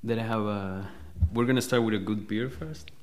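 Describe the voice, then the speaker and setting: A man's voice: fairly low pitch, normal speed. A man as a podcast guest, chatting casually and explaining things in short, plain sentences. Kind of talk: casual chat. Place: indoor room, drinking beer with the host.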